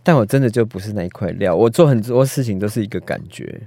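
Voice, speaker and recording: A man's voice: fairly low pitch, fast talker, dark tone, no echo. A man with a Taiwanese Mandarin accent in a casual interview as a guest film director, hesitant and self-deprecating, searching for his words.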